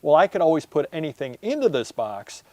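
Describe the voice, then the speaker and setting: A man in his forties with a slightly high voice hosts a casual explanatory vlog. He talks straight to viewers and works through examples. The lapel mic sounds close and dry. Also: big pitch swings, fairly quick, darkish tone, no room sound. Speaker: host. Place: indoors, large warehouse storage aisle.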